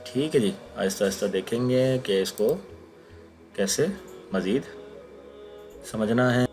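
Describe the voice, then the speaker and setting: A patient male teacher talks through a recorded online lesson in a fairly low voice, sounding out each letter slowly and repeating it aloud. Soft music plays faintly behind him. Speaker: Quran recitation teacher.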